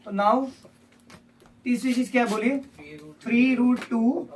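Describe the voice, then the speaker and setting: A man's voice: very high-pitched, steady tone, slow pace. A male maths teacher giving a live lesson in a classroom, walking through each step aloud and repeatedly quizzing his students. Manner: repeats steps, asks class questions. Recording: distant from mic.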